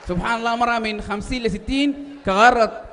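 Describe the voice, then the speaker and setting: A man's voice: extremely high pitch, quick pace, sharp tone, some chatter behind, slight background noise. A man with a Sudanese Arabic accent performing stand-up comedy, asking questions and explaining with emphatic, repeated exclamations. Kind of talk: comedy double-act routine, questioning and explaining. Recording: echoing hall, long reverb.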